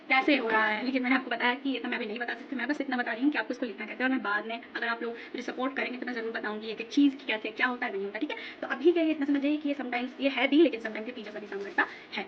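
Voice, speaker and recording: A woman's voice: on the high side, dull audio, a little hiss or hum. A woman teaching a language lesson in a chatty, patient way, mixing English words into her Hindi. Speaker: language tutor. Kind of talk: casual spoken lesson.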